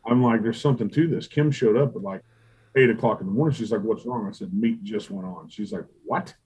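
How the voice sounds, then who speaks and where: A middle-aged man, a barbecue pitmaster telling stories in a casual interview, animated and profane, acting out what he and others said. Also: lowish voice, fairly quick, husky, low-quality recording. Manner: animated, profane, quotes himself and others in acted asides. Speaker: competition barbecue pitmaster and restaurant owner.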